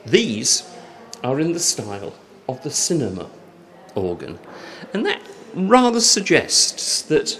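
A man's voice: a little high, huge pitch swings, slow, long pauses. An Englishman in his sixties with an English accent, guiding a tour of a church organ, enthusiastic and descriptive, speaking into a handheld mic in a large church. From England. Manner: warm, enthusiastic and descriptive, with lilting emphasis. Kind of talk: guided tour talk. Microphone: handheld microphone.

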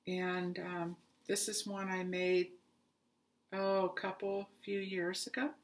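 A woman's voice: medium pitch, fairly bright tone, a little hiss or hum. A woman showing her yarn haul in a casual, chatty way, tired and with her voice fading, stumbling over her words now and then. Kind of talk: casual chat to camera.

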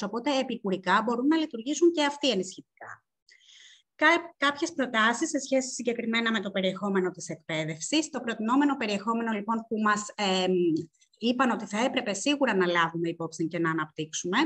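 This is a woman with a fairly high voice reporting her research findings to an online seminar. She keeps a measured pace but hesitates frequently.

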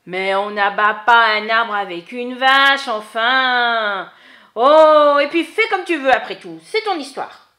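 A woman's voice: on the high side, expressive, takes it slowly, sharp tone. A woman interrupting a children's story with exasperated, scolding corrections. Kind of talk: read-aloud storytelling for children.

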